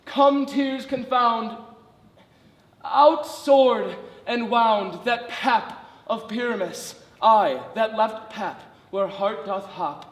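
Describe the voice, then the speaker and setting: A man's voice: sits high, very slow. A man acting a pompous weaver who plays a tragic lover, overblown and melodramatic. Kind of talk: live stage acting. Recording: echoey hall, reverberant stage.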